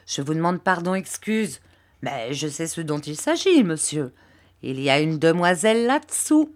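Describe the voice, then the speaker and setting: A woman's voice: low voice, very animated, moderate pace. A woman reading a fussy, nosy, motherly landlady in an audiobook, sentimental and insistent, repeating herself. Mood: coaxing.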